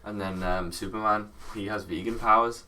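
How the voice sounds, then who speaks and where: A man co-hosting a casual podcast chat, excitable and quick to break into silly voice impressions. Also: fairly low pitch, far from the mic, a little hiss or hum. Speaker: podcast co-host.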